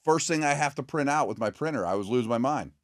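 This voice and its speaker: A man co-hosting a casual sports radio show in a studio, relaxed and chatty, telling stories. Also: medium pitch, quick pace, no echo. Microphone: studio mic.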